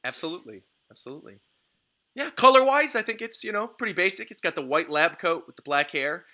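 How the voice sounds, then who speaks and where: A man in his late twenties hosts a relaxed online panel, reading fan submissions aloud. His voice is bright and sits a little high, and he laughs easily. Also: a little fast. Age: 20s. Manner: upbeat, laughs often, reads viewer entries aloud. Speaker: host. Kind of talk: casual livestream panel chat.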